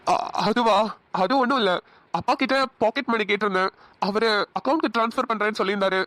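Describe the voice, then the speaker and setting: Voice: medium pitch, quick pace, fairly bright tone, no echo, close to an everyday voice. A performer voicing a broke, scheming young man in a cartoon, stammering and evasive. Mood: flustered. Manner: hesitant, stammering fillers. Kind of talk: Tamil cartoon dubbing.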